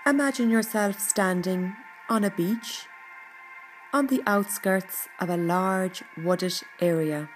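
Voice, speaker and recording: A woman narrating a scripted guided meditation in a soothing, gentle, unhurried manner. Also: medium pitch, low-quality recording. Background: background music.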